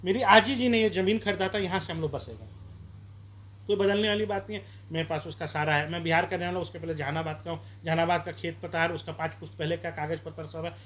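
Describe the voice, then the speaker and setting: A man running for election in Bihar, India makes his case hard in a street interview, firing off rhetorical questions and pitches for votes. He speaks fast in a slightly high voice.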